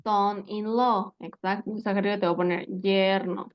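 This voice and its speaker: A woman's voice: medium pitch, level tone, fast talker, dull audio. A woman teaching an English vocabulary lesson, patiently quizzing her student and checking in with frequent tag questions.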